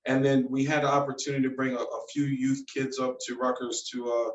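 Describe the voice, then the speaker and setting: A man, a youth football coach, telling an animated story as a tribute at a council meeting, laughing as he quotes others. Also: medium pitch, a little fast, highs cut off. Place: council chamber. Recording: echoey room from far off.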